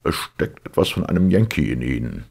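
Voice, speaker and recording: A hot-tempered sea captain who shouts and curses in a loud, raised voice, as a male narrator puts him on. The tone is gravelly and husky, and it swings widely in pitch. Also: big pitch swings, fairly quick, heavily acted. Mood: gruff, mollified. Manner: shouting, furious outbursts. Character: angry blustering sea captain, middle-aged man.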